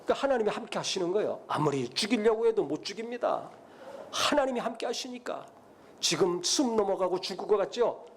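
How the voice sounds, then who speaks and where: A man's voice: high-pitched, lively intonation, a little fast, a little hiss or hum. A male pastor preaching a sermon, dramatically retelling biblical scenes and rising to emphatic blessings.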